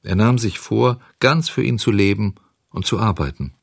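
Male audiobook narrator, expressive, dry close recording. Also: on the low side, gravelly, slightly rough, no room sound. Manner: measured, expressive storytelling. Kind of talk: audiobook reading of a children's story.

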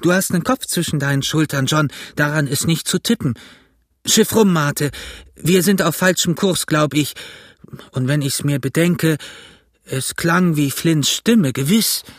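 A man voicing a superstitious pirate sailor who talks in a shrill, fearful way. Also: measured pace, dry recording, studio quality. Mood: relieved.

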